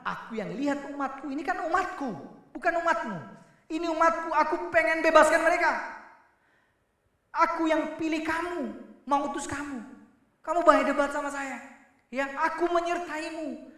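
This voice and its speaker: A stern, insistent God, as a preacher puts him on, raised high above the speaker's own pitch. The voice is bright and forceful. It rings through a very echoey church hall. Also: male voice, normal speed, long pauses. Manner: insistent, emphatic. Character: God, stern male voice correcting Moses.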